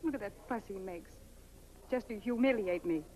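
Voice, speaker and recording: An actress playing a bitter, resentful young actress in a 1950s film, muttering angrily. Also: female voice, medium pitch, lively intonation, moderate pace, a little mellow, close to an everyday voice, low-quality recording. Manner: angry, sulky muttering. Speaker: aspiring actress. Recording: faint noise of a 1950s film soundtrack.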